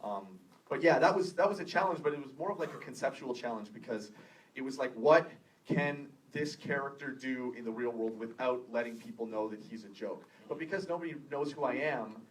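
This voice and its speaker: A Canadian man in his thirties tells stories at a post-screening Q&A, lively and quick to laugh, acting out the people he quotes. He is picked up from a distance in a theater, with a faint hiss under him. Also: mid-range voice. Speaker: filmmaker guest at a Q&A. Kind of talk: casual Q&A storytelling. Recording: distant room recording with faint noise.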